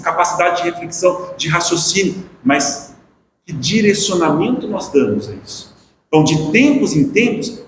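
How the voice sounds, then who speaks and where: Brazilian man lecturing in an echoey hall. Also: on the high side. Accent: Brazilian Portuguese. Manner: reflective, with frequent "né?" tag questions. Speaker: course instructor at a spiritist center. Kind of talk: lecture commenting on a book. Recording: echoey hall with faint noise.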